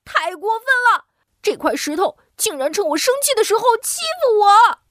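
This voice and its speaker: Storybook piglet boy, sulky and whiny, high and jumpy as a woman puts him on. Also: lively intonation, moderate pace, fairly bright tone, no echo, studio quality. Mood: huffy. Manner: whiny, huffy, pouting. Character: grumpy little boy piglet, sulky and pouting.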